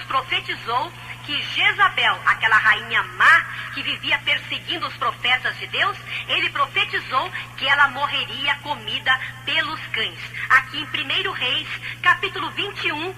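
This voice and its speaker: A Brazilian woman teaches a Bible study in an insistent, admonishing, exhorting manner, her high-pitched voice animated but unhurried over music. The low-quality audio comes from an old dubbed cassette copy, with hiss and hum.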